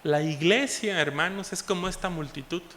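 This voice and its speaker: A man with a Mexican Spanish accent preaching an impassioned sermon as a pastor, moving between loud exhortation and soft asides. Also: high-pitched, normal speed, slight background noise. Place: church hall. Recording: echoey church hall.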